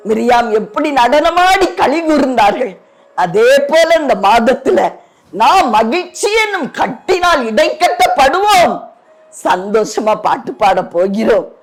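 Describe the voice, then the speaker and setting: A man preaching and praying, swinging between hushed pleading and fervent high cries, with rhythmic, repeating exhortations. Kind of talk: impassioned sermon and prayer.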